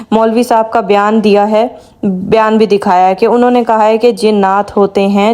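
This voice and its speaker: A woman vlogger talks straight to her audience in an easy, chatty commentary. Her voice is mellow and warm, sitting at an ordinary middle pitch. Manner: chatty, addresses viewers directly. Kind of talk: casual commentary to viewers.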